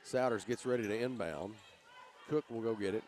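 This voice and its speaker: A man from calling basketball play-by-play in short, quick phrases that rise when shots fall. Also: lowish voice, darkish tone, some chatter behind, slight background noise. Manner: rapid terse play calls, rising when shots fall. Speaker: play-by-play announcer.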